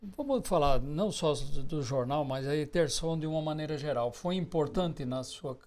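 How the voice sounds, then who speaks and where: A man hosts the conversation as interviewer. His voice sits a little high for a man. He talks conversationally and drops in short agreeing words while his guest speaks. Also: normal speed, darkish tone. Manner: conversational, brief affirmations. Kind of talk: interview questions.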